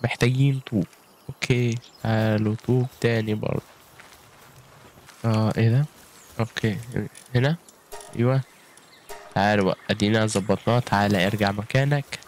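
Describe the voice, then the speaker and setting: A man's voice: on the low side, steady tone, fairly quick, pauses often, a little hiss or hum. A man with an Egyptian Arabic accent giving chatty gameplay commentary, calling out to viewers with frequent exclamations. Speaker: gaming YouTuber.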